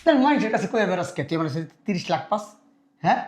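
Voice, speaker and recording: A man's voice: high voice, big pitch swings, very fast, echoey room. A man playing a scolding, abusive father-in-law. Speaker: father-in-law in a drama skit. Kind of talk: Bangladeshi short drama acting.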